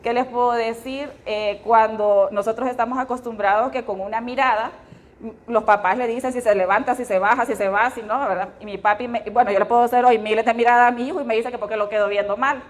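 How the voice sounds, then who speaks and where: A woman's voice: a little high, steady tone, fast. Honduran woman giving a testimony. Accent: Honduran Spanish. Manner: storytelling, often turning to the audience with tag questions. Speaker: testimony speaker at a women's fellowship meeting. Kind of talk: personal testimony to a live audience.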